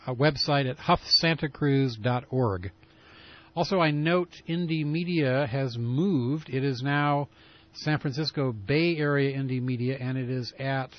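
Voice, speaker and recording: Man hosting a lo-fi pirate radio broadcast. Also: mid-range voice. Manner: rambling, loose delivery with many fillers. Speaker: radio show host. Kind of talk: casual community radio talk.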